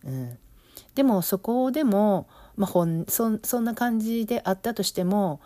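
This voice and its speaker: A middle-aged woman with an Osaka accent, speaking reflectively in a casual monologue, with lots of fillers and soft laughs. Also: mid-range voice, expressive, moderate pace, no echo. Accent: Osaka Kansai Japanese. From Osaka, Japan. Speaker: business coach, podcast host.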